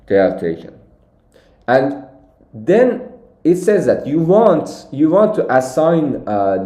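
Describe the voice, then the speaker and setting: Medium-pitched and dark in tone, a young man of Iranian origin walks through contest problems on his competitive programming stream. He thinks aloud with many fillers and restarts, and the recording has a roomy quality.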